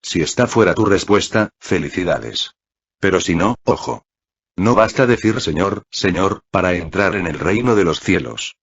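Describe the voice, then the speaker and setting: A man's voice: sits low, animated, moderate pace, fairly bright tone, slightly rough. A man preaching an earnest Sunday reflection, exhorting his listeners. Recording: dull lo-fi audio.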